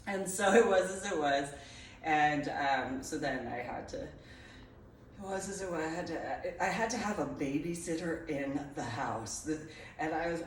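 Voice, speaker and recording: A woman from New Jersey rambles through a personal story, her pitch swinging widely as she laughs at herself. She sits well back from the microphone in an echoing room. A faint room hum sits under her voice. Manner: meandering, laughs often at herself. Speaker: vlogger telling personal stories. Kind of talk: casual rambling anecdote. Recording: roomy echo, voice far from mic.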